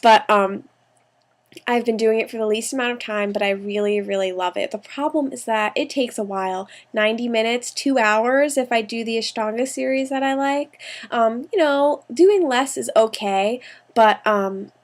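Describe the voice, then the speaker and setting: A woman's voice: fairly high pitch, moderate pace. A young American woman in her twenties talking casually to camera in a home video diary, rambling with lots of ums and little laughs. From United States. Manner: chatty, rambling, with frequent ums and small laughs. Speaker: vlogger.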